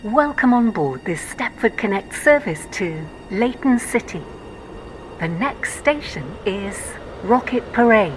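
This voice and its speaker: A woman voicing an automated onboard train announcer who reads station calls in a steady, scripted way. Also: mid-range voice, measured pace, over music, close to an everyday voice. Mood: calm.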